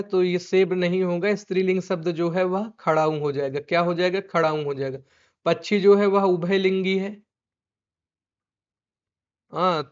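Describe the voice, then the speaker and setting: This male Hindi teacher has a clear, resonant voice pitched high. Going over an answer key, he poses questions to himself and echoes the answers in drill fashion, captured on a dull, lo-fi recording.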